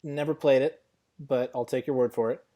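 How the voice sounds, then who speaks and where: A man's voice: medium pitch, steady tone, normal speed, warm tone. A young man co-hosting a podcast, chatting casually and joking with sarcasm. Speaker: podcast co-host. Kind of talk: casual gaming chat. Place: Arizona.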